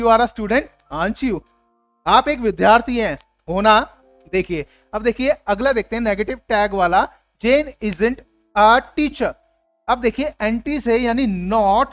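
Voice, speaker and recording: A man's voice: high voice, no echo. A man teaching an English grammar lesson for his video channel, explaining emphatically and acting out example phrases.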